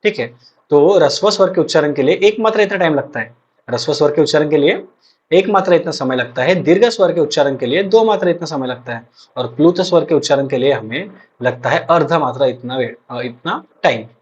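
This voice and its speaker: A young man, teaching an exam-prep lecture and repeating points slowly with frequent check-ins. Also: on the high side, expressive, breathy edge. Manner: explains slowly with many repetitions and check-ins. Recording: dull lo-fi recording.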